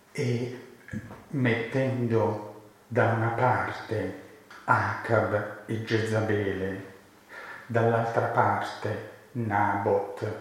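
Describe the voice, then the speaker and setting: Slow, measured male preacher, very echoey. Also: fairly low pitch. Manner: slow, measured, pausing and hesitant. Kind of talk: sermon with scripture reading. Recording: very echoey large room.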